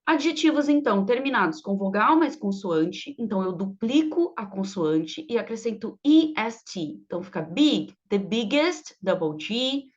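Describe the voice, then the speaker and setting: A woman teaching English grammar, explaining rules patiently and reading example sentences slowly, with many fillers. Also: mid-range voice, highs cut off.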